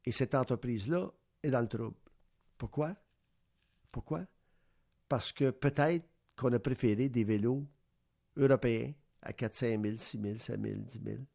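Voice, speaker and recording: Hosting sports radio with a Quebec French accent, this man speaks in a medium-pitched, dark voice with vocal fry. His rambling opinion piece is packed with rhetorical questions and small acted-out exchanges.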